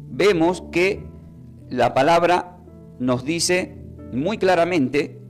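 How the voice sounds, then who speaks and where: A man, preaching a live-streamed sermon as a pastor and explaining word meanings step by step. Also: medium pitch. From Argentina.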